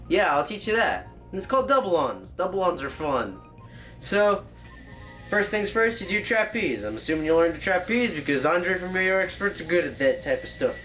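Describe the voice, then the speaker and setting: A man's voice: fairly high pitch, fairly bright tone. A man hosting a casual, joking tutorial, explaining like a rambling professor who drifts into tangents and corrects himself. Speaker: tutorial host.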